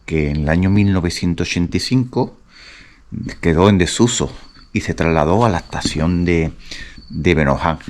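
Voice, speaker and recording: A man talking casually and haltingly as he vlogs a night exploration outdoors. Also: low-pitched, a little mellow. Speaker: vlogger. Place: outdoors at an abandoned train station at night. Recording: outdoor night recording with noise.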